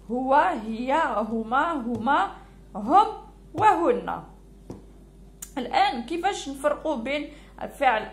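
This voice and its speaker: A woman teacher with an Algerian Arabic accent, walking pupils through a lesson and stretching out key words slowly. She is recorded at home, with a faint hum. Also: on the high side. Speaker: primary school teacher.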